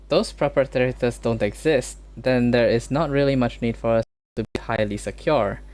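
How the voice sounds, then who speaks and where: A man streaming casually, arguing playful debate prompts with joking disbelief and quick exclamations. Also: medium pitch, darkish tone. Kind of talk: casual solo stream chat.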